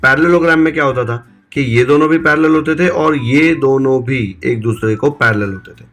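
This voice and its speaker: A man teaching a math lesson in a mid-pitched voice that is neither high nor low. He asks a question and then answers it himself, mixing English maths terms into his Hindi. Soft music plays faintly behind him. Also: a little fast. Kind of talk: classroom-style video lecture.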